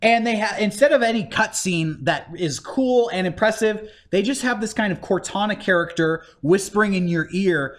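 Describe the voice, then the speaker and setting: A man in casual podcast chat giving a game review, animated and swearing freely. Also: high voice, moderate pace, few pauses. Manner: animated, swearing, acts out scenes in mock voices.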